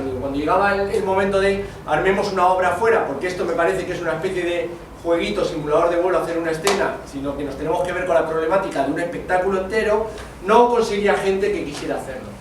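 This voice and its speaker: A man, telling his own story thoughtfully at a conference, often pausing to find his words. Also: high voice. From Spain. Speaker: guest speaker. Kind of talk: reflective personal storytelling. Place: conference venue. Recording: echoey hall from far off with faint noise.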